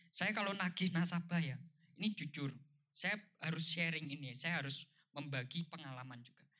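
A man's voice: fairly high pitch, pushed and bright. A man giving a motivational seminar talk to a live audience, emphatic and repetitive, who keeps asking his listeners rhetorical questions. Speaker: seminar speaker.

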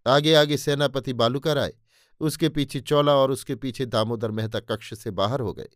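A man reading a novel aloud as narrator, in a measured, literary manner. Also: mid-range voice, no echo, studio quality. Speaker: audiobook narrator. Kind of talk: scripted narration.

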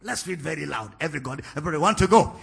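A Nigerian man preaching a sermon in a church, teasing the congregation with questions and then building to shouted climaxes. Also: on the high side, lively intonation, racing, vocal fry, husky. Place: church hall, large, indoors.

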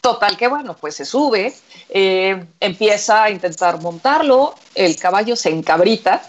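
A woman's voice: mid-range voice, animated, measured pace, dull audio. A woman, chatting and telling a story as a show co-host, with many fillers. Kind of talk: conversational storytelling.

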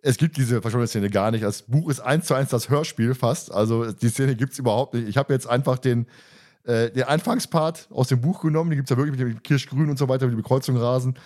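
A man of middle pitch co-hosting a podcast, talking in a quick, chatty way. He explains things casually, with easy laughs mixed in. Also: darkish tone. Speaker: podcast co-host. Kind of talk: casual chat.

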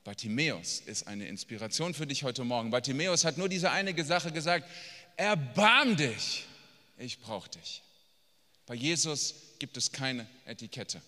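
A man preaching a sermon, blunt and emphatic, swinging from quiet asides to near-shouting. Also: medium pitch, lively intonation, moderate pace, hardly any pauses. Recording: long reverb of a large hall.

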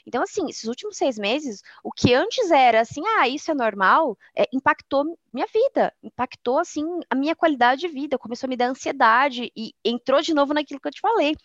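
A woman's voice: sits high, expressive, fairly quick, few pauses, fairly bright tone, no room sound, dull audio. A woman chatting candidly, rambling with many restarts and quoted speech. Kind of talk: casual personal chat.

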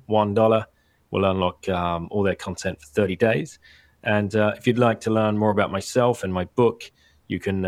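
A man hosting his podcast, talking casually with frequent pauses and restarts. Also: on the low side. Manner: halting, many fillers and restarts. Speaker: podcast host.

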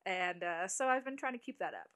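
A woman's voice: on the low side, expressive, fairly bright tone. A woman in her late twenties, a guest on a podcast, chatting casually and restarting her sentences often. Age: 20s. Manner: chatty, halting with restarts and little laughs. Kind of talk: casual chat.

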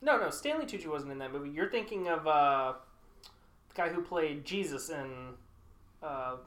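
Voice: medium pitch, expressive, moderate pace, fairly bright tone, reverberant. A podcast co-host chatting casually, often laughing and groping for names. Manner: laughs easily, gropes for names. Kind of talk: casual chat.

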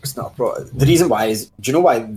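A man's voice: medium pitch, expressive, quick pace, mellow. Sweary, jokey man in his thirties. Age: 30s. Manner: blunt, jokey and sweary, talks over his co-host. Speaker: podcast co-host. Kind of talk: casual chat.

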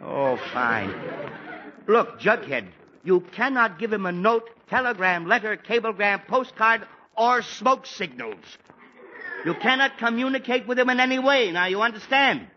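In a dull, faintly hissy 1940s radio recording, an actor plays the exasperated middle-aged father of a teenage son, a fussy man with a headache who is easily annoyed. His voice sits high, with lively intonation and an unhurried pace.

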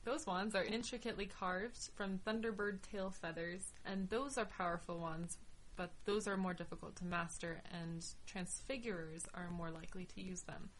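A woman's voice: on the low side, steady tone, normal speed, low-quality recording. Chatty woman co-host, casual discussion, light hiss behind. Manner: chatty, laughs easily, thinks aloud.

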